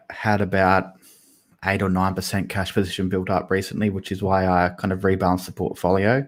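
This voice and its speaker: A man with a low, deep voice co-hosts a casual investing podcast. He talks things through slowly and carefully, softening his points with small hedges. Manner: thoughtful, hedging with "I guess" and "kind of". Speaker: podcast co-host.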